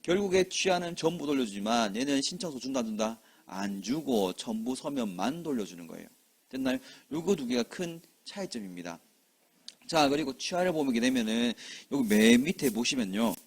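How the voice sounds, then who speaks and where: A man's voice: mid-range voice, normal speed, breathy edge. A man teaching an exam-prep lecture, who keeps checking whether students follow and acts out short scenes with quoted voices. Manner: lively, rhetorical questions, checks understanding often.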